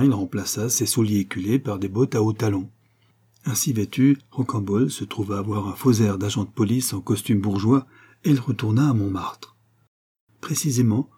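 A man narrating a novel for an audiobook in a steady, measured way. His voice is low and dark with a husky edge.

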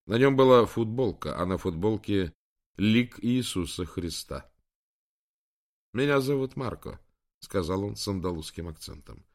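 A man narrating an audiobook in a measured, dramatic way. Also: deep voice, expressive. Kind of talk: scripted narration.

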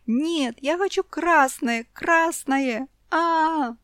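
A woman's voice: high-pitched, expressive, a little slow, dry recording, clean studio sound, voice pushed up. A woman voicing a spoiled six-year-old girl who whines and wails in a storybook reading. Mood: tantrum. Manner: whiny, wailing pleas.

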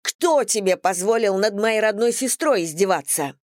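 A woman reading an audiobook, voicing a protective older sister who scolds in a sharp, worried way. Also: medium pitch, expressive, moderate pace, dry recording, clean studio sound, voice pushed up, lightly acted. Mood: scolding.

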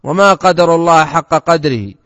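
A man reading a classical religious text aloud to a teacher in steady, formal recitation. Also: on the high side, normal speed, clean studio sound. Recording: dull recording with long hall reverb.

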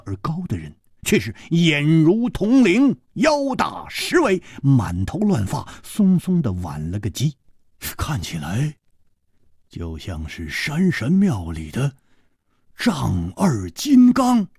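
A male storyteller narrating a martial-arts audiobook theatrically, jumping from loud bursts to hushed whispers. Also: fairly high pitch, huge pitch swings, takes it slowly, breathy edge, no echo, clean studio sound.

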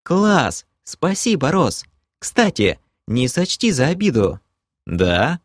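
A man voicing a cheerful young woman adventurer with a soft, dreamy, teasing way of speaking. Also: medium pitch, wildly swooping pitch, slow pace, no room sound, clean studio sound, pitched above the performer's own voice, full character voice.

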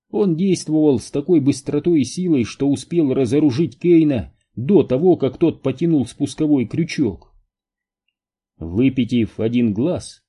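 Husky guy reading an audiobook, lively pitch, steady pace. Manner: steady, even storytelling. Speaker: audiobook narrator. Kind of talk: audiobook narration.

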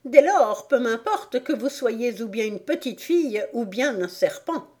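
A woman playing a big male pigeon from an audiobook, shrill and sobbing. He sounds indignant and accusing, pitched well above a plain speaking voice. The delivery is slow and unhurried. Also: animated, darkish tone. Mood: scornful. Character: big, fretful, menacing male pigeon guarding eggs. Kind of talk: audiobook character voice.

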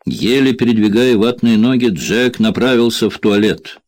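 A man narrating a thriller audiobook in a steady, measured reading. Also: mid-range voice, no echo.

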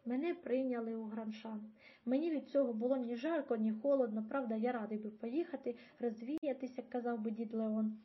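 A woman reading a novel aloud as an audiobook in an even, measured way. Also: fairly high pitch. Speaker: audiobook reader. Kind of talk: audiobook narration. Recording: dull lo-fi audio.

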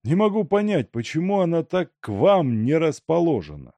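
A man playing a worried old merchant father who frets and pleads in a lively, gravelly voice, in a storybook reading. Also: a little high, normal speed, no room sound, voice pushed up. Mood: exasperated. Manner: fretful, pleading.

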